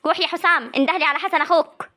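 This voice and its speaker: A scolding older Egyptian village mother, played by a woman, rattles off her lines at top speed. The voice is very high and bright. She chides and soothes her quarrelling family in a comic drama. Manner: chiding, soothing, fast talk. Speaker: mother and aunt in a family feud.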